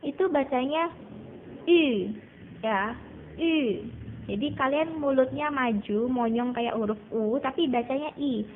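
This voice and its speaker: A woman's voice: high-pitched, slight background noise. A woman teaching a Mandarin class to children, patiently repeating vowel sounds to drill each tone. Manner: addresses students as children. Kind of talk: online class lesson. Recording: tinny phone-like recording.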